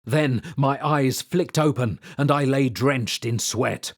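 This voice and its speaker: A man reading scripted comic narration in a deadpan, pun-heavy delivery. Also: medium pitch, slow pace. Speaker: satirical narrator.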